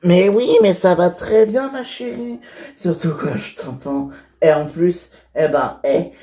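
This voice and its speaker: A woman's voice: fairly low pitch, slow pace, mellow. A woman voicing a cheeky, boastful middle-aged man who rambles, chuckles between phrases and stumbles over fillers. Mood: sly. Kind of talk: toy-figure fan series voice acting. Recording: electronic music playing behind.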